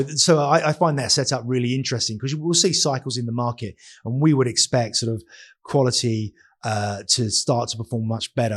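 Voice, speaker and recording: A man with a husky voice, speaking as a guest fund manager in conversational market commentary, explaining his views with careful caveats. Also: medium pitch.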